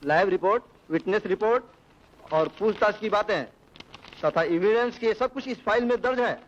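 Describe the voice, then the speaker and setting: A man's voice: high voice, normal speed, highs cut off, a little hiss or hum, lightly acted. An actor playing a corrupt officer laying out a plan to frame a man in a dubbed film drama. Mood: scheming. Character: scheming corrupt police officer briefing a plot. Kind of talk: Hindi-dubbed film acting.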